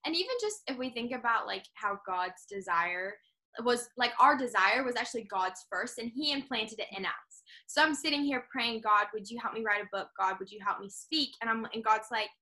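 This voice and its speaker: This young woman, born in England and raised in New Zealand, has a slightly high, bright voice with a forceful tone and a normal pace. As a podcast guest in a casual conversational interview, she chats eagerly and enthusiastically, laughs often, and leans on fillers like "like."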